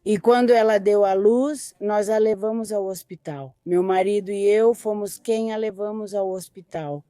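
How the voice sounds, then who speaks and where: A mother recounting her family's story in a quiet, intimate documentary testimony. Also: mid-range voice, fairly even intonation, normal speed, clean tone, no room sound, faint music behind. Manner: quiet, intimate retelling with quoted dialogue. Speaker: grieving mother interviewed.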